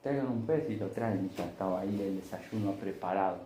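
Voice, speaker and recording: A man's voice: low voice, a little fast, mellow, echoey room, a little hiss or hum, rough recording. A man preaching a Sunday sermon, telling stories in a conversational way and acting out the voices in them. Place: church.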